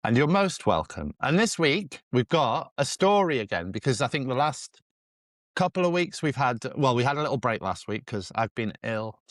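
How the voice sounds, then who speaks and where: Geordie man, podcast host, playful, mid-pitched, dry close mic. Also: big pitch swings, moderate pace, dry recording. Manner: playful, teasing, mock-old-fashioned wording. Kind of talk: casual chat.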